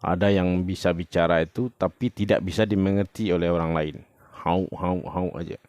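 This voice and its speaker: Low-voiced man giving a plain religious talk. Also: fairly even intonation, moderate pace, darkish tone, no room sound, studio quality. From West Sumatra, Indonesia. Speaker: religious video teacher. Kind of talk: informal religious talk to camera.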